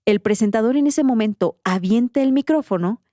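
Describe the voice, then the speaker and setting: A woman with a Mexican accent, a podcast host telling a story in a casual, slangy, animated way. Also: on the high side, fairly quick, no echo, studio quality.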